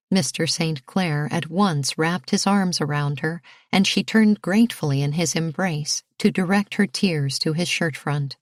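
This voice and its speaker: A woman narrating a historical romance audiobook in a measured, expressive reading. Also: fairly low pitch, no room sound, studio quality. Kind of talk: scripted narration.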